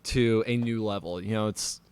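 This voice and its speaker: A man co-hosting a podcast, telling a story in casual chat with animated, laughing delivery. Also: fairly low pitch, normal speed, smooth, dry recording. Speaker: podcast co-host.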